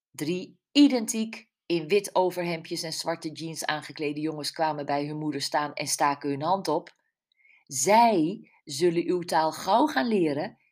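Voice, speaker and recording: A woman voicing a hopeful newly arrived mother who calls out slowly and emphatically to a crowd. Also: fairly low pitch.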